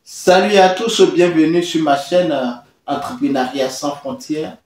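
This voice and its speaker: Man, channel host, slightly high voice, very slow, halting with many fillers, roomy echo, far from mic. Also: a little mellow, faint music behind. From Côte d'Ivoire. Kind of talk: hesitant talking-head commentary.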